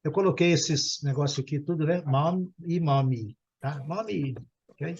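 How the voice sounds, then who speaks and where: A man's voice: on the high side, a little slow, darkish tone. A man teaching English vocabulary to a small class, repeating words and explaining pronunciation patiently. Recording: dull lo-fi audio.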